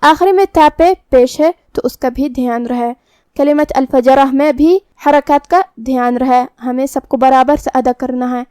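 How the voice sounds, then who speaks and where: High-voiced woman teaching recitation rules. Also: mellow, smooth, no room sound, clean studio sound. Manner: methodical, step-by-step instruction. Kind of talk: tajweed lesson explanation.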